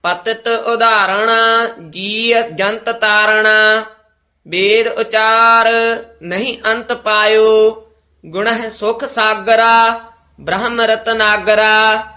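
A man reads scripture aloud for practice, very slowly and in a level, monotone delivery. His voice is high and strikingly bright, almost sharp. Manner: very slow, measured, even reading. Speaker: student reciting.

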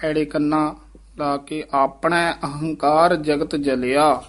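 A man teaching scripture recitation, repeating lines and calmly pointing out pauses and correct pronunciation. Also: fairly high pitch. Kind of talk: pronunciation instruction.

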